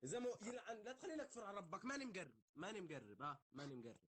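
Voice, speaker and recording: A man's voice: sits high, expressive, rapid-fire, a bit bright, slight background noise. A man with a Levantine Arabic accent bantering casually on a live stream in an exasperated, scolding, joking way.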